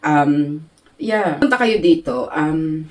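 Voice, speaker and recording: A Filipino woman giving a casual interview, animated and laughing often as she talks. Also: sits low, slow. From Philippines. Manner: animated, laughs often, mixes Tagalog and English. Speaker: interview guest.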